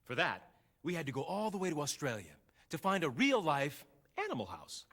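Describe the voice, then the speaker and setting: A man's voice: on the high side, very animated, fairly quick, noisy background. A man hosting and narrating a TV show in a scripted, playful, wry way. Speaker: host.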